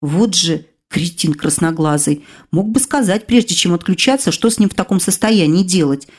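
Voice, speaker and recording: A woman narrating a first-person fantasy audiobook in an expressive reading style, voicing the heroine's outbursts with sharp jumps in pitch. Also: normal speed, breathy edge.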